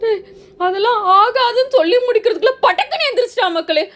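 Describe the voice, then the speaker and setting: A woman hosting a gaming channel, giving excitable, jittery commentary on a horror game and talking straight to her viewers. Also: extremely high pitch, fast, heavy background noise.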